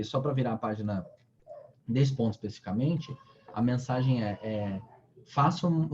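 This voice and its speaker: A man's voice: mid-range voice, dark tone, muffled recording, slight background noise. A man giving a casual online training talk, often restarting his sentences and using fillers. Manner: hesitant, many restarts and fillers.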